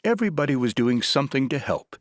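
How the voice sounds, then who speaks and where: Animated male storybook narrator. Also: medium pitch, fast talker, no room sound, clean studio sound. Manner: lively, animated reading. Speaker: audiobook narrator.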